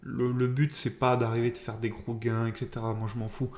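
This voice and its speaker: A man talks through an informal debrief in a mellow, fairly flat voice. He has a slight lisp and speaks haltingly, thinking aloud and blaming himself. The room adds noticeable echo. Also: medium pitch. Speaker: trader keeping a video diary.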